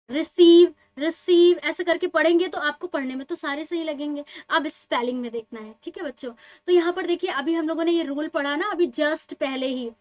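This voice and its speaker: A woman's voice: extremely high pitch, fairly bright tone. A young woman teacher explaining spelling rules to students in a patient, repeating manner, often asking the class questions.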